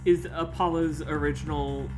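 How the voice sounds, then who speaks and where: A woman chatting casually with friends as she plays a video game, expressive, playful and sweary. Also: low voice, moderate pace, low-quality recording. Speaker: video game streamer reading and voicing dialogue. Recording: game music behind the voice.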